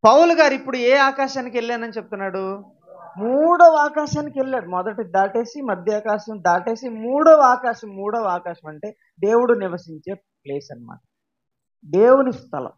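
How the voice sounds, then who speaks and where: A man with a Telugu accent preaches a sermon, keeps asking the congregation questions and then pushes his points home with sudden emphasis. His voice sits very high for a man. The recording sounds dull and lo-fi. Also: animated, moderate pace. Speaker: pastor.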